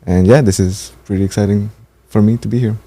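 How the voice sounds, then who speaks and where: With a lowish, warm voice and fairly even intonation, this twenty-something training participant from Portugal talks a touch quickly in relaxed conversation. He's fluent and reflective, stringing together longer sentences, and there's no echo.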